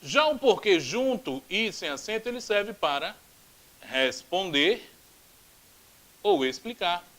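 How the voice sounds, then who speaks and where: Brazilian guy teaching grammar, high voice that jumps all over, drills stuff aloud, jokey. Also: slow, pauses often, rough recording. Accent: Brazilian Portuguese. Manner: animated, repeats drills aloud, jokey asides. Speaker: Portuguese teacher. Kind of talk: grammar video lesson.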